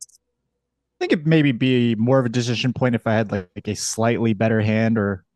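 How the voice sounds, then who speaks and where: A man's voice: medium pitch, steady tone, moderate pace, a little mellow, dry recording. A man co-hosting a podcast, talking casually and analytically about strategy. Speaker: podcast co-host, poker coach.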